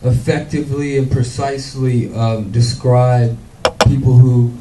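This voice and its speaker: A stand-up comedian from Louisiana, rambling with lots of fillers on a club stage. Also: male voice, mid-range voice, level tone, measured pace, background noise. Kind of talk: stand-up routine. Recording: echoey club, mic from far off.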